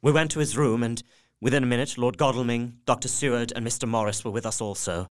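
Here the narrator-diarist is again Jonathan Harker, the anxious, devoted young husband, voiced by an actor in earnest, subdued audio drama narration. The mid-range voice is smooth and steady, quick in pace and close to his everyday speaking voice.

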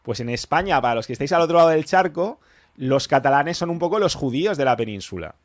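A man's voice: fairly high pitch, lively intonation, quick pace, no room sound. A man from Spain with a Valencian accent, hosting a casual podcast chat in a blunt, emphatic manner, swearing freely. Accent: Valencian Spanish. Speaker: podcast host.

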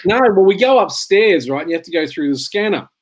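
A man's voice: sits high, animated, fast talker, low-quality recording. Rambling Australian man telling stories. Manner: rambling storyteller, laughs at his own jokes. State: tired. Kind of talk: casual chat.

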